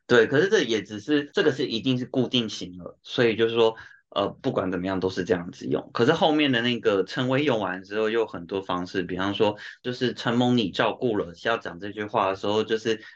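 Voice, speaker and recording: A man's voice: fairly low pitch, a little fast. A man with a Taiwanese Mandarin accent chatting casually and explaining with examples, dropping in some Japanese and English words. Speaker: podcast speaker living and working in Japan. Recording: dull, lo-fi audio.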